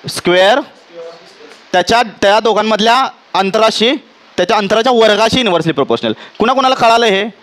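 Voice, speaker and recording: A man with a Marathi accent teaching physics to a classroom, checking often whether students understand and dictating definitions slowly. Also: sits high, lively intonation, a bit bright. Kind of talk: classroom lecture.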